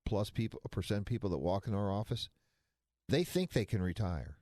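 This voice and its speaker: A man's voice: lowish voice, lively intonation, normal speed, dark tone, dry recording, studio quality. A man in his sixties co-hosting a financial talk show, chatting casually with folksy, rambling asides. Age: 60s. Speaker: financial radio show co-host. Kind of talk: casual talk radio chat.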